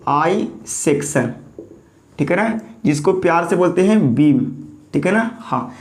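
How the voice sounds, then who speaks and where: A lecturing man with a fairly high voice. He asks the class each term and then answers it himself. His throat is a little sore, which makes the voice slightly thick and hoarse. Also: expressive, normal speed, darkish tone, a little hiss or hum. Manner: repeats key terms as call-and-response questions. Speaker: teacher.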